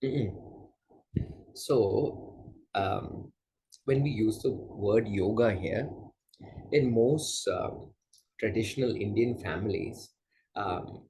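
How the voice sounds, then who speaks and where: A man from Malaysia, a yoga teacher, answering interview questions in a gentle, unhurried way with soft fillers. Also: on the low side, slight background noise, poor audio. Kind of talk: casual interview conversation.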